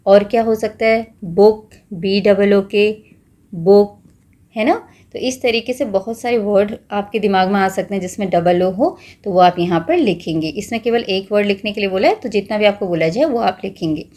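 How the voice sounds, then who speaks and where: A woman's voice: medium pitch, darkish tone. Patient Indian woman teaching children. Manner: patient, spells words out slowly, switching between Hindi and English. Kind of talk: exam prep lesson for young children.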